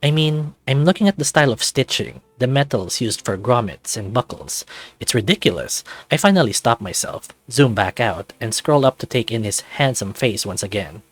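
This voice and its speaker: With faint music playing behind him, a channel host tells a visual novel's story in the first person, animated and expressive. He speaks at a moderate pace in a mid-range voice.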